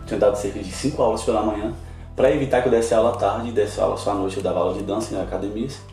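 Man, guest missionary, earnest testimony, heard from a distance in a roomy space with soft music. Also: on the low side, steady tone, racing. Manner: earnest, emotional storytelling. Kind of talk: personal testimony in a podcast interview.

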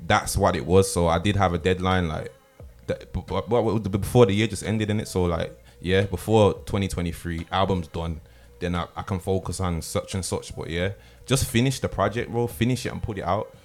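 A man's voice: low-pitched, normal speed, soft background music. A man chatting casually as a rapper in an interview, full of street slang and repeated words.

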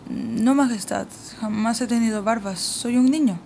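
A woman's voice: a little high, moderate pace, creaky, darkish tone. A woman voicing a frightened young boy who answers hesitantly and deferentially, in an audiobook reading with a faint hiss. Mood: timid.

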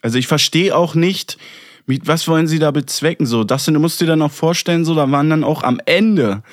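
A man's voice: on the high side, fairly quick, no echo. Guy rambling on his podcast, lots of uh and restarts, super dry sound. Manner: animated, rambling with many restarts and fillers. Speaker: podcast host. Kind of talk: casual chat.

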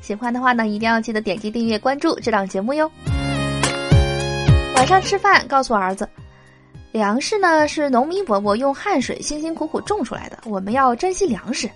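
Lively high-voiced woman reading jokes. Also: brisk, soft background music. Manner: lively, laughs at her own jokes. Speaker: podcast host telling jokes. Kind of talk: reading jokes aloud, casual podcast.

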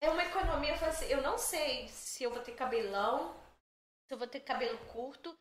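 Speaking fairly quickly in a high voice, this middle-aged podcast guest spins stories with lots of chatter and jokes. The room echoes, and a little background noise hums underneath her lively, casual storytelling.

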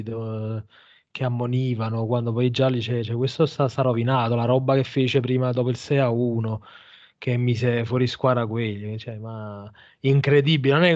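A man gives blunt opinions in casual football chat, doubling back on his words. His pitch is middling and the audio is a little muffled. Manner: blunt, repeats himself. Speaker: podcast panelist. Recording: slightly dull, lo-fi podcast audio.

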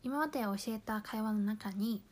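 A woman teaching a language lesson, explaining patiently and slowly, drawing out example phrases. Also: mid-range voice, a little mellow. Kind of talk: slow, careful lesson explanation.

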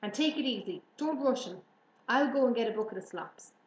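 A woman's voice: a little high, lively intonation, a little fast, roomy sound, a little hiss or hum, natural voice, low-quality recording. Woman as a coaxing, practical farmer man. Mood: practical, instructing. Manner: coaxing, instructing. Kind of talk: children's storybook reading.

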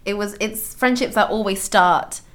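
A woman's voice: mid-range voice, normal speed, fairly bright tone. A young woman from London talking as a guest in a casual conversation, hesitant and full of restarts. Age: young adult. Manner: hesitant, many ums and restarts, laughs often.

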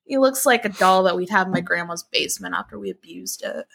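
Bright, animated woman in casual chat. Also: lowish voice, fast talker, gravelly, breathy edge. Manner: animated, exasperated, laughs often, swears.

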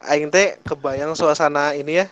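A man's voice: fairly high pitch, steady tone, normal speed, a bit bright, no echo, highs cut off. A young man with a Sundanese accent, a podcast co-host chatting casually with slangy, laid-back reactions.

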